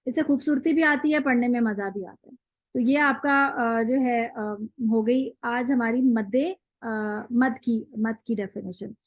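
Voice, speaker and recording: A woman's voice: on the high side, measured pace, dry recording, highs cut off. A woman teaching Quran recitation in an online class, explaining patiently step by step and reciting examples.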